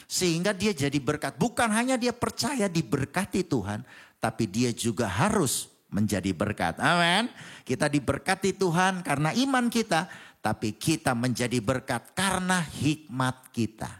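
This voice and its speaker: A man preaching a Sunday sermon in a church, swinging between loud exclamations and low chuckling asides. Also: sing-song, normal speed. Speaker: pastor. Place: church hall.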